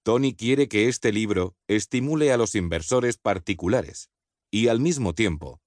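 A man narrating an audiobook foreword in a measured, even reading style with clear phrasing. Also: on the low side, dry recording, studio quality. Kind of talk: scripted narration of a book foreword.

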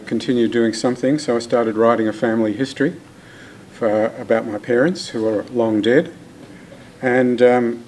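A man in his sixties from Australia, a retired sociologist introducing himself in measured, understated terms in a seminar room. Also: mid-range voice, a little mellow. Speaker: retired sociologist, conference panelist. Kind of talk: self-introduction at an academic workshop. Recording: faint room noise.

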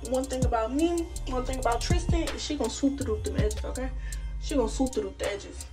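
A woman's voice: sits high, fairly quick, over music. A young woman, a college student, talking casually and animatedly straight to her phone camera in a small room, full of slang. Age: young adult. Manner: chatty, slangy, animated, talks straight to viewers. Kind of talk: casual vlog talk to camera. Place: small indoor rooms, dorm and bathroom. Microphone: phone camera at arm's length.

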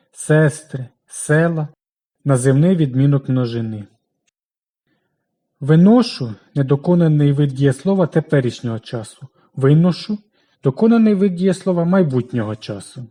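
A man teaching a language lesson in a scripted, careful way, slowly reading out lists of example words. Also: a little high, dark tone.

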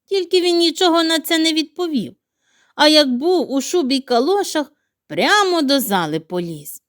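A woman narrating a children's fairy tale in an animated, playful storytelling manner. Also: sits high, normal speed, no room sound, clean studio sound.

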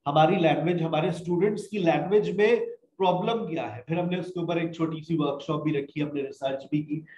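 A man's voice: a little high, a little mellow. Patient male English teacher, echoey room. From Pakistan. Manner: explains patiently, mixes English phrases into his talk, addresses students as "beta". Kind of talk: spoken English lesson.

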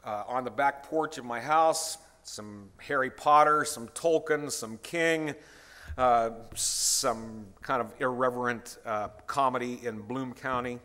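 A man's voice: mid-range voice, slow pace, pushed and bright. A retired pastor in his sixties, preaching a guest sermon in a conversational way and calling out to the congregation. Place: church sanctuary. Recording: reverberant church hall.

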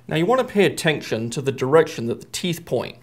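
A repair technician in his thirties walks through a hands-on job step by step at a workbench in an indoor workshop. His voice is fairly high and very animated, and he talks fast, though his explanation stays plain and methodical.

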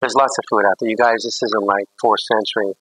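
A man's voice: fairly low pitch, steady tone, quick pace, a bit bright, no room sound, low-quality recording. A man, a priest, teaching a catechism class in a rambling, anecdotal way with jokey asides.

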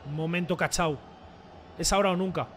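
Un streamer con acento de España que comenta su partida a gritos, repitiendo palabras en ráfagas. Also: male voice, a little high, fairly even intonation, fairly quick, background noise. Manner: shouts and repeats words in bursts. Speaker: gaming streamer. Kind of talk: excited gameplay commentary.

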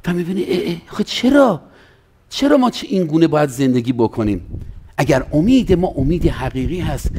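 A male pastor delivering an animated sermon, often acting out quotes in other voices. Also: on the high side. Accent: Persian. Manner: animated preaching with acted-out quotes.

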